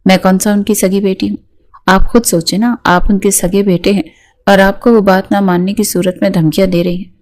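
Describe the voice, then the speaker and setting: A woman's voice: medium pitch, flat delivery, a little mellow, close to an everyday voice. A woman voicing a scheming, dramatic orphan girl under eighteen who pleads and pities herself in a sly way. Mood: pleading. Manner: pleading, self-pitying, sly.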